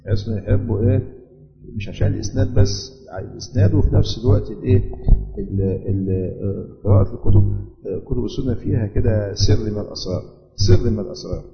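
Egyptian sheikh guy, gravelly voice, preachy questions, big reverby hall. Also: mid-range voice. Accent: Egyptian Arabic. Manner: animated, rhetorical questions, chanting hadith recitation. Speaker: hadith teacher. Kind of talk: religious lesson. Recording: dull lo-fi audio with long hall reverb.

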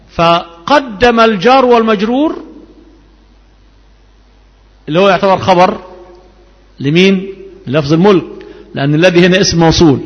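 A man's voice: sits high, long reverb tail, highs cut off. A man with an Egyptian Arabic accent teaching a Quran tafsir lesson. He asks the class questions, answers them himself and draws out key words. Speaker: religious teacher.

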